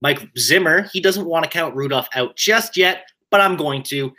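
Bright upbeat man reading sports news. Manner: upbeat, quick asides, jumps up in pitch on names. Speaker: fantasy football podcast co-host. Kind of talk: casual sports news rundown.

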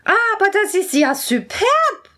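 A spoiled young princess from a fairy tale, piping high and loud as she orders people about, as a woman reading the story puts her on. Her voice is bossy and imperious, and she drags out her words slowly. It is storybook reading with a strong put-on voice. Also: sing-song, exaggerated voice. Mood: haughty.

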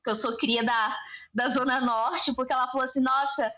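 A woman appears as a podcast guest, chatting casually and animatedly acting out the people and dialogue in her stories. Her voice sits high at a normal speed, and the remote home recording sounds rough.

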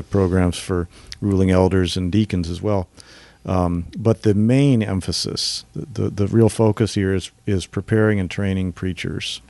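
A man's voice: sits low, gravelly, darkish tone, no room sound. A man graduating from seminary, answering interview questions in a sincere, emphatic way.

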